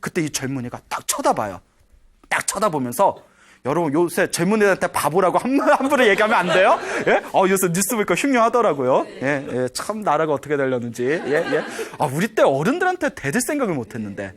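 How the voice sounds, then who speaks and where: A man's voice: fairly high pitch, big pitch swings, a little fast. A man, a Buddhist monk, giving a sermon and telling a story, acting out the characters and often checking in with his audience.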